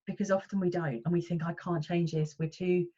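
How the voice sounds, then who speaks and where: A woman's voice: brisk, breathy edge, dull audio. A woman, a parent coach chatting in an interview, often acting out voices of parents and kids. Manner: animated, acts out voices of parents and children with big pitch jumps. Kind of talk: casual interview chat.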